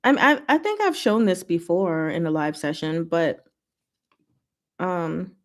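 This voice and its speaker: A woman with a fairly low, animated voice speaks a little slowly while hosting a livestream. Her chat is informal and giggly as she reads viewers' comments aloud and replies.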